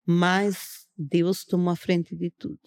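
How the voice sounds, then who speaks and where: A woman's voice: lowish voice, flat delivery, slow, vocal fry, a little mellow. A middle-aged woman from Brazil, earnestly telling a personal testimony on a podcast, narrating step by step and acting out what others said. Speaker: guest giving a testimony. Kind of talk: casual storytelling on a podcast.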